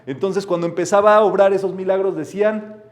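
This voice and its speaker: A man's voice: high-pitched, steady tone, fairly quick. A man, giving an earnest spiritual Bible lecture and leading a group in affirmations. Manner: earnest and explanatory. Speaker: spiritual teacher.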